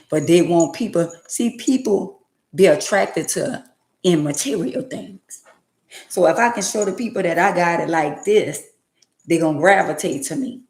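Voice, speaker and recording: On her livestream, a woman in her sixties talks in a casual, preachy way, repeating herself with emphasis. Her voice sits low with a darkish tone, and the room sounds echoey.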